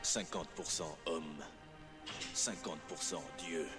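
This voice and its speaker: A booming trailer announcer, deep and unhurried, laying every line on thick. His solemn parody-trailer voice-over rides over a loud film score played from a clip. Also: fairly even intonation, over loud music. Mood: portentous. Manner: solemn, dramatic.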